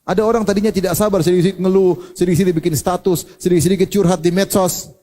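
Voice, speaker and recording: A male preacher delivers a sermon with a slightly raised pitch. His tone is warm and mellow. He keeps it light with humor and rhetorical questions. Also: steady tone, racing. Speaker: Islamic preacher.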